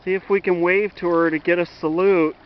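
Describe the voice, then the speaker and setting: A man vlogging outdoors from a riverbank, narrating a passing ship in a slow, friendly play-by-play. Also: sits high, steady tone, highs cut off. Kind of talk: casual narration while filming.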